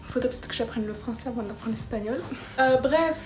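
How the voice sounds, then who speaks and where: A young woman vlogger chatting casually to camera, self-mocking and excitable. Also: a little high, fairly quick. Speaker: vlogger tracking her language learning. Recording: roomy echo with background music.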